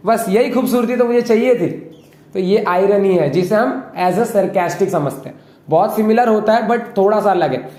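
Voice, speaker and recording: A man's voice: high-pitched, a little mellow. A young man hosting a casual talk, explaining things and constantly checking in with his listeners. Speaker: host explaining a topic. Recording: echoey room.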